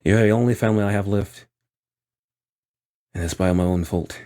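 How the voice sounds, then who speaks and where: A man's voice: on the low side, fairly even intonation, moderate pace, dark tone, pitched below the performer's own voice, natural voice. Man playing an earnest, remorseful wounded man.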